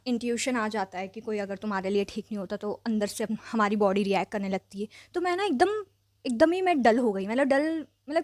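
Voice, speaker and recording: A young woman telling a personal story in a chatty, animated vlog style, dropping English phrases in and leaning on fillers. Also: fairly high pitch, dry recording, clean studio sound. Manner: mixes English phrases into speech. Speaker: vlogger. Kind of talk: casual storytelling.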